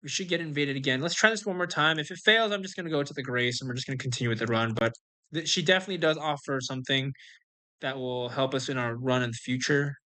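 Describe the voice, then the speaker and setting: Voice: mid-range voice, quick pace, bright, forceful tone. A game streamer giving casual live walkthrough commentary, instructing and talking through each move as it happens.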